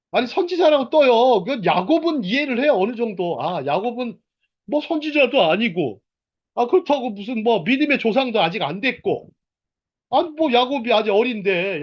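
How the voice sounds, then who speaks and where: Middle-aged male preacher, high and very lively voice, animated storyteller, slightly dull lo-fi sound. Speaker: church lecturer. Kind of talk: sermon-style Bible lecture.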